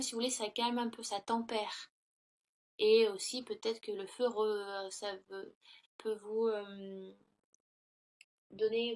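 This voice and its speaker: A woman with a fairly high voice gives a casual tarot reading, talking straight to her laptop. She hesitates often, fills gaps with "euh" and corrects herself as she goes. The sound comes from the laptop's built-in mic at home. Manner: hesitant, many fillers and self-corrections. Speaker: tarot reader.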